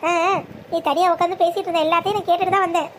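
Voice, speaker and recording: Someone voicing a squeaky devoted young groom. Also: flat delivery, racing, a bit bright, slight background noise. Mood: determined. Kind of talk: Tamil family cartoon drama.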